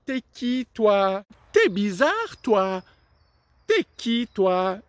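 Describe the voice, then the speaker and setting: A man's voice: sits high, very animated, very slow, dry recording, heavily acted. A man voicing a nosy, chatty big-mouthed frog that fires off blunt, exclaiming questions in a storytelling joke.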